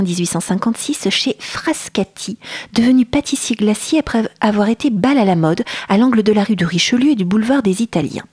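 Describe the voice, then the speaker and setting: A woman presents a food chronicle, her voice a bit husky and breathy. She tells pastry history with lively enthusiasm, often pausing on fillers and restarting her phrases. The sound is dry and close. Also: mid-range voice, no echo. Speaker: food columnist. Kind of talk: radio-style food chronicle.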